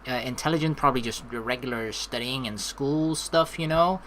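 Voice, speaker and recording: A man's medium-pitched, slightly bright voice moves fairly quickly as he hosts a let's play, giving casual, rambling commentary full of jokes and the odd swear word. He reads game text aloud, and background music plays alongside a little hiss or hum.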